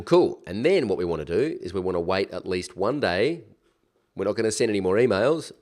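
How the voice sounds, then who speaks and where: A man with a low-pitched voice walks through a software task in a casual, chatty way. He sounds stuffed up from a cold, with a nasal, pinched-nose tone. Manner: chatty, informal, with slangy asides. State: recovering from a cold. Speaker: software tutorial instructor. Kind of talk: casual screen-share tutorial.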